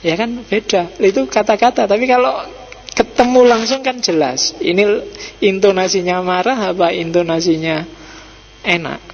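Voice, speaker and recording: A man's voice: sits high, moderate pace. Man, Javanese accent, middle-aged, casual mosque lecture, long hall reverb, lo-fi. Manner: chatty, teasing, slips into Javanese asides. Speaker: philosophy lecturer. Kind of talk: relaxed Islamic study-circle lecture. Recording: dull echoey hall recording with faint hum.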